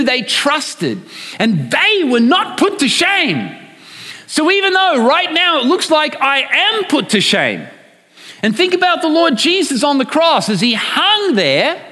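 A man's voice: high voice, bright, forceful tone, big-room sound. A man preaching a sermon, emphatic and often asking his listeners rhetorical questions.

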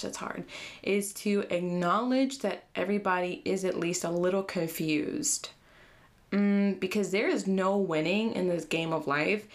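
A young woman with a slight lisp, hosting a casual solo podcast and giving earnest advice in a chatty way. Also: mid-range voice. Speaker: podcast host.

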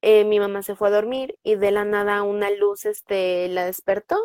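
A woman's voice: medium pitch, level tone, moderate pace, darkish tone, smooth, no echo. Chatty Mexican woman, dry sound. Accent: Mexican Spanish. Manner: chatty, lots of fillers and tag questions. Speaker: guest telling personal stories. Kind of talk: casual storytelling.

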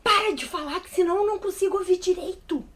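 A woman's voice: very high voice, quick pace, far from the mic. Woman playing a nosy gossip neighbor. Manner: hushing, gleeful gossip.

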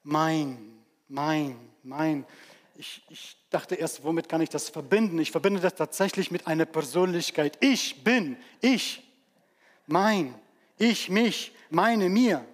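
A man preaching a sermon, swinging between loud emphatic peaks and hushed asides. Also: sits high, a little slow. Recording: long church reverb.

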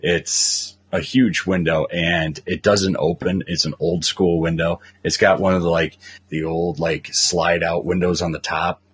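A man's voice: sits low, flat delivery, measured pace, fairly bright tone, slightly rough. A man co-hosting a podcast, rambling casually about his room with lots of fillers. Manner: rambling, with frequent fillers and laughs. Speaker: podcast co-host. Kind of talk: casual chat.

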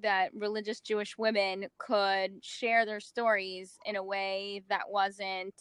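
A woman's voice: medium pitch, little pitch movement, slow, a bit bright, clear, resonant tone, dry recording. An American-raised woman talking as a guest in a casual interview. She hesitates and restarts often, filling gaps with fillers. Her voice is recorded close and dry, with no room sound. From United States. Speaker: magazine founder, interview guest.

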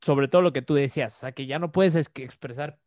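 A man's voice: mid-range voice, fast talker, no room sound. Slangy Mexican man, dry close sound. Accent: Mexican Spanish. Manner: slangy, joking, animated. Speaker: podcast co-host. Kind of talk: casual political chat.

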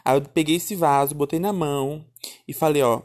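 A man telling a childhood story in a lively, chatty way, calling his listeners darling and my son. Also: fairly high pitch, moderate pace. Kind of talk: casual storytelling.

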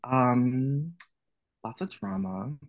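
A man's voice: medium pitch, fairly even intonation, very slow, no room sound. Man, giggly casual chat, from new york city, dry close sound. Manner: giggly, chatty, laughs often. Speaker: guest drag performer.

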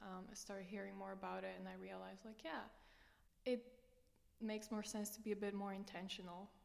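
In a reverberant interview setting that sounds like a hall, a Romanian woman who coaches students explains things conversationally as a podcast guest. She talks at a moderate pace in a medium-pitched, flat voice with vocal fry and a darkish tone.

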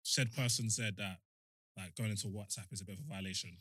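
A man's voice: on the low side, fast talker, pushed and bright, husky, dry recording. A young man with a London accent, co-hosting a podcast in casual chat and reading out figures. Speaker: podcast co-host.

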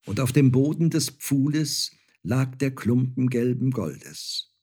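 A man reading a fairy tale aloud as narrator, calm and measured. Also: medium pitch, slightly rough.

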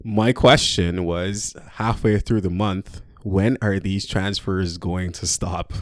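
Low-voiced laid-back podcast man. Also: fairly even intonation, slow, no echo, clean studio sound. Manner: laid-back, rambling, laughs often. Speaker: podcast co-host. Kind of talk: casual podcast chat.

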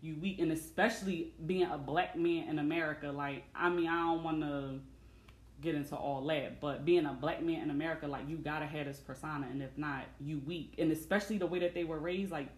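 Woman host, casual podcast chat, animated storyteller, roomy echoey sound. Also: low voice, fairly quick. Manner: animated storyteller, acts out quotes. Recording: echoey room.

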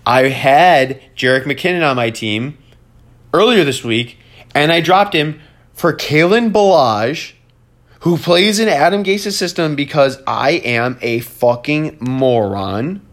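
A man's voice: a little high, lively intonation, slow pace. A young man giving casual, profane fantasy football rundowns on a laptop, ranting and mocking himself. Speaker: fantasy football league commentator. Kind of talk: casual chat.

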